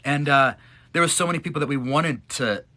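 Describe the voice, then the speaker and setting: A man's voice: fairly high pitch, a little fast, sharp tone. A man streamer chatting casually with his wife about an awards trip, emotional and choking up as he talks. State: tearful, choked up. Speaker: live streamer, one of a couple. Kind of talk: casual chat answering follower questions.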